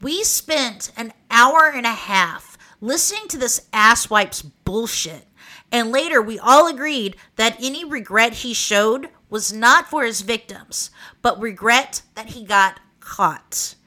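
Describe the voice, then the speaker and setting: Her voice sits a little high, moving slowly with lively intonation and a sharp tone. She's a fortyish woman from Oklahoma with an Okie accent, talking informally and wryly in a personal monologue on her true crime podcast.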